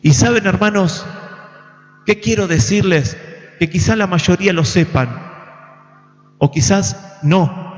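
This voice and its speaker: An earnest male preacher delivers a sermon, often turning to his listeners with questions. His voice sits high and carries a long reverb from a large room. The recording is dull and lo-fi. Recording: echoey hall, muffled lo-fi sound.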